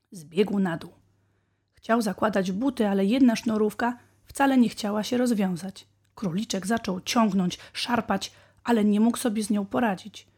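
A woman narrating a children's bedtime tale in a gentle, even manner. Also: medium pitch, breathy edge. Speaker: storyteller.

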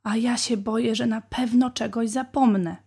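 A woman voicing a hurried, worried rabbit mother in a storybook. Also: on the high side, steady tone, darkish tone, husky. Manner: hurried and bustling.

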